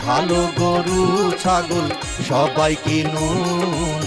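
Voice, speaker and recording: A man making a market announcement in a drawn-out calling voice, heard as an outdoor loudspeaker. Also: a little high, steady tone, in a large hall, over loud music.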